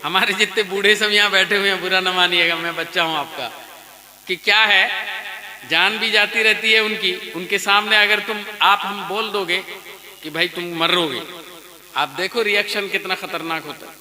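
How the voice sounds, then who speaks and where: A man preaching a storytelling sermon at a wedding gathering, animated and calling the crowd his dear friends. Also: sits high, reverberant. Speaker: Islamic preacher.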